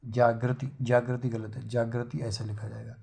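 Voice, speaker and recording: A man's voice: mid-range voice, flat delivery, moderate pace, gravelly, a little mellow, breathy edge. A man teaching spelling for an exam, repeating each word and setting the wrong form against the right one. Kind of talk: exam-prep spelling lesson.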